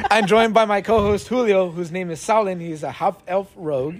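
A man's voice: high voice, normal speed. A man running a tabletop game as dungeon master, explaining casually and laughing often.

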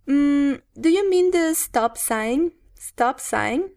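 High-voiced woman answering lesson prompts. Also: expressive, very slow, a little mellow. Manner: answers prompts, then repeats the English word. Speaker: co-host answering as student. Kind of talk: bilingual pronunciation lesson.

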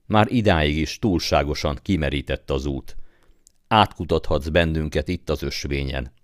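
A man's voice: rumbling low, dry recording, studio quality. A man voicing a proud young male master in an audiobook, with clipped, commanding, haughty speech. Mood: haughty, calm. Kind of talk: audiobook character voice.

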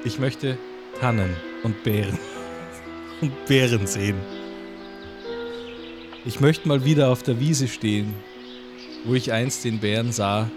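A man reading a mock-solemn poem in a dry, deadpan, halting way. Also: mid-range voice. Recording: music playing under the voice.

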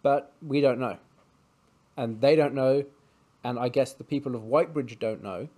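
Male podcast host, casual, swears a lot, quick to laugh. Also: medium pitch, mellow. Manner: swears freely, laughs often, blunt. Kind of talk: casual book discussion chat.

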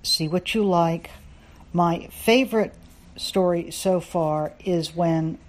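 A woman's voice: on the low side, slow. A woman casually demoing and reviewing a voice app, chatty with light jokes. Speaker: skill reviewer. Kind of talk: casual product demo.

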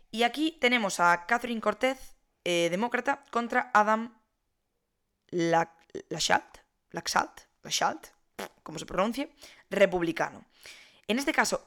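Chatty young woman, low voice. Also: fairly bright tone. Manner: chatty, many fillers and self-corrections. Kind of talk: casual explainer monologue.

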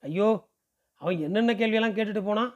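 A man's voice: high voice, quick pace, lo-fi sound, natural voice. A man reading a distressed elderly mother's anguished inner monologue in an audiobook. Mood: lamenting.

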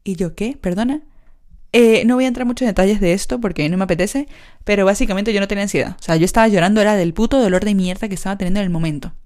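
A woman's voice: mid-range voice, rapid-fire, a little mellow. A young woman tells her own story in a casual, unscripted way. She sounds frank and exasperated and swears freely. Her talk is full of fillers and asides. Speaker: podcaster telling a personal story.

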